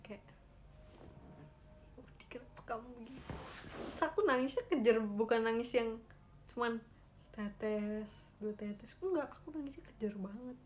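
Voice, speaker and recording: A woman's voice: fairly high pitch, normal speed, slight background noise. A young woman hosting a casual solo livestream from her room on a phone, chatting emotionally and animatedly with lots of fillers. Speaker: idol livestream host.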